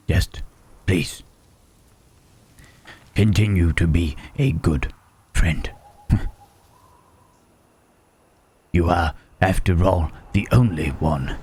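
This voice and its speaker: A man playing a gentle, brooding, melancholy monster in an ASMR roleplay, with halting, solemn, formal speech and a breathy voice. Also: full character voice. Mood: tender. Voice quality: husky, breathy, deep.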